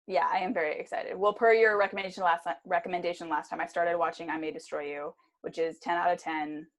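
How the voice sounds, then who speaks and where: A young adult woman co-hosting a casual podcast, animated and joking, with lots of restarts. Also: lowish voice, fast. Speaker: podcast co-host. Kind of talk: casual chat.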